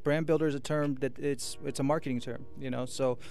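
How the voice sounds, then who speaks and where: This Sacramento, California native is a musician and promoter appearing as a guest in a radio station studio, with faint music playing behind him. His voice sits at medium pitch, a little mellow and a little fast, with fairly even intonation. He talks in a casual, earnest, rambling way, frequently asking "you know what I mean."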